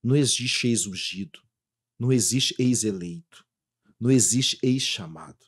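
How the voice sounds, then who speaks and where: A Brazilian man in his thirties, a lively storyteller chatting as a guest about his religious community life. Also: medium pitch, moderate pace, slightly rough. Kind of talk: casual storytelling interview.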